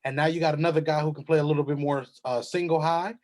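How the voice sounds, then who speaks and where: A man's voice: on the high side, steady tone, fast talker, darkish tone. A man on a sports talk panel, confidently breaking down draft picks.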